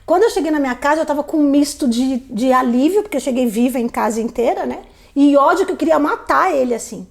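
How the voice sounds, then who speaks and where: A woman telling a personal story as a live stream host, in a lively storytelling way that acts out the voices of the people in it. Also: sits high, fast talker, gravelly, hardly any pauses. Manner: animated, acts out quoted voices.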